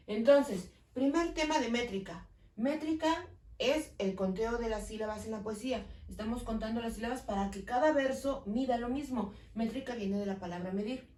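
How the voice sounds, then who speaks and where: A woman's voice: a little high, a little mellow. Mexican woman teacher, roomy and distant. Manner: spells out verses slowly syllable by syllable, checking in with "¿sale?". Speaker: secondary school Spanish teacher. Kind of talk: classroom lesson on poetic meter. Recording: roomy sound from away from the mic.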